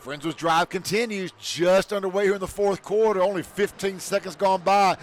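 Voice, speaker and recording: A man calling high school football play-by-play, shouting on big plays. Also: fairly even intonation, normal speed, slight background noise. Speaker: play-by-play announcer.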